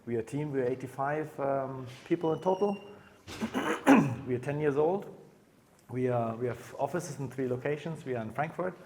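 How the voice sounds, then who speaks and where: A man's voice: medium pitch, lively intonation, normal speed, darkish tone, slight background noise. A man from Germany giving a conference talk on stage, speaking casually with many fillers and restarts. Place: conference room.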